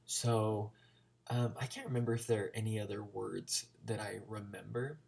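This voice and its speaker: A man's voice: fairly low pitch, steady tone, moderate pace, vocal fry, a little mellow. An American man talking casually in a vlog, chattily sounding out Arabic words as a learner. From United States. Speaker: language-learning vlogger.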